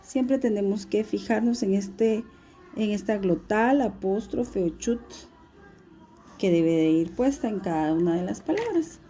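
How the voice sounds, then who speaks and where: A woman teaching a recorded video lesson, with a very dark, mellow tone. She talks slowly and patiently and puts questions to her students as she explains. Her speech is unhurried and steady. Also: mid-range voice, faint music behind.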